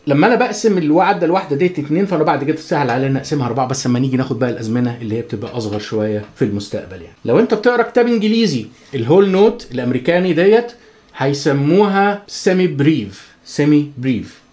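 A man with an Egyptian Arabic accent giving a chatty, joking guitar lesson, counting the beats out loud. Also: a little high, expressive, very fast, few pauses. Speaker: guitar teacher. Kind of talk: casual spoken music lesson.

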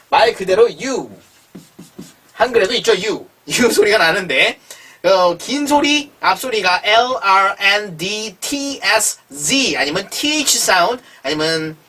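A man teaches phonics in a slow, drawn-out way, breaking each word into its sounds. His voice sits high and swings widely in pitch. It has a slightly husky grain and sounds a little distant from the microphone. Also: bright, forceful tone. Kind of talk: online language lesson.

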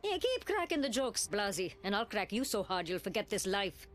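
Lively, brash, sarcastic woman played by an actress. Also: mid-range voice, normal speed, slight background noise, lightly acted. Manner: mocking, threatening banter. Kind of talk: video game character acting.

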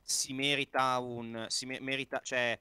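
A man co-hosting a casual live wrestling chat, mostly giving short agreeing replies in a relaxed way, with an Italian accent. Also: mid-range voice, unhurried, clean tone, dry recording. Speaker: wrestling show co-host.

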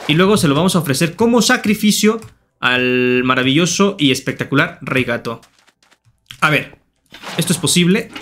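A man's voice: mid-range voice, a bit bright, slight background noise. A man doing playful Minecraft gameplay commentary, joking and teasing the game characters as he plays. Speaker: gaming YouTuber.

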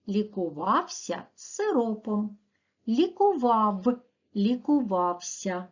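Woman primary teacher, measured and precise, rising and falling voice, muffled lo-fi recording. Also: mid-range voice. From Ukraine. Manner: clear, slow and deliberate, stressing word endings. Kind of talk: recorded video lesson for children. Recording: dull, muffled lo-fi audio.

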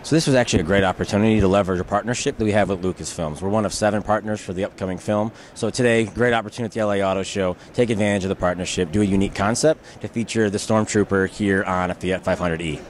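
A man's voice: on the low side, steady tone, quick pace, hardly any pauses, slight background noise. A man in his thirties, an upbeat brand representative giving salesy interview answers on a busy show floor. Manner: upbeat, salesy, uses "uh" fillers. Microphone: handheld mic held by interviewer.

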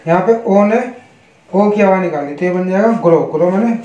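Spelling words out letter by letter and following each with its Hindi meaning, an Indian male English teacher leads a slow, deliberate and repetitive online pronunciation lesson. His voice is high and mellow. The recording is lo-fi, with a dull, echoey room sound.

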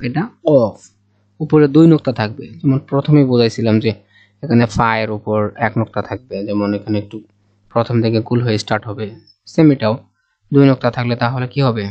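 A Bangladeshi Bengali-accented man teaching Quran letters slowly and patiently, sounding out each letter several times for learners. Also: medium pitch, a little mellow, no echo. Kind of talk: slow step-by-step letter lesson. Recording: dull dry close recording.

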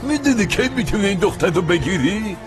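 A man's voice: sits high, very animated, over music. An actor dubbing a stern older grandfather who forbids a young man from marrying his granddaughter. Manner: stern, dismissive. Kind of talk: Persian dub of a TV drama.

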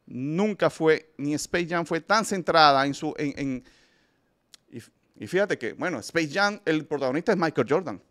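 Male host, slightly high voice, emphatic and opinionated, frequent restarts. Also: expressive, normal speed, a bit bright. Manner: emphatic, addresses listeners directly, frequent restarts. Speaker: film review show host. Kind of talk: opinionated casual commentary.

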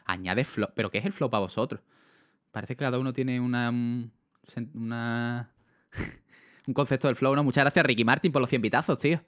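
A man's voice: mid-range voice, normal speed, fairly bright tone, no echo, studio quality. A young man with a Spanish accent chatting casually on a livestream, rambling with lots of fillers and talking straight to his chat. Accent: Spain. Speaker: streamer.

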